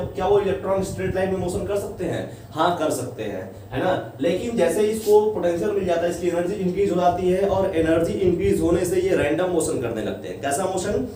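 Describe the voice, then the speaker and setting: A male physics teacher gives a lecture in a strongly echoing room, with his voice picked up from a distance over faint ambient noise. His voice sits a little high but sounds mellow and dark. He explains patiently and keeps checking that students follow. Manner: explains step by step, keeps asking "है ना?". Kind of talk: classroom lecture.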